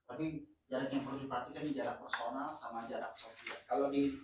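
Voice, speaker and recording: A man teaching a communication workshop, lively and joking, switching between casual slang and formal teaching. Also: mid-range voice, quick pace. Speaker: communication trainer. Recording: echoey room, mic far off, faint noise.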